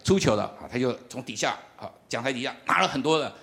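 A middle-aged man, giving a lively, humorous sermon testimony and often laughing as he tells the story. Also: mid-range voice, quick pace. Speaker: campus ministry worker.

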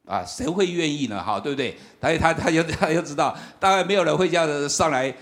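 A middle-aged man, giving a lively, humorous sermon testimony and often laughing as he tells the story. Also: fairly high pitch, fast. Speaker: campus ministry worker.

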